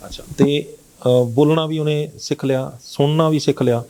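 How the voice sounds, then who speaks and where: A man's voice: a little high, fairly even intonation, normal speed, dark tone, slight background noise. A man interviewing a teacher, asking long, informal questions.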